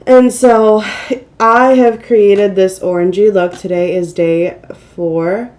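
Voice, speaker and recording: A beauty vlogger hosting her channel chats casually through a get-ready-with-me makeup session, rambling, self-deprecating and exclaiming. Her mellow, medium-pitched voice is slightly nasal and mildly congested from a cold.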